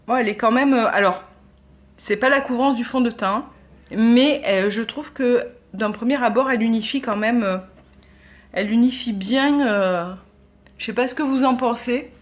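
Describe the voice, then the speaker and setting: Chatty woman, slightly high voice. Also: normal speed. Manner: chatty, hesitant with many fillers. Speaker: beauty vlogger. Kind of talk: casual product demo.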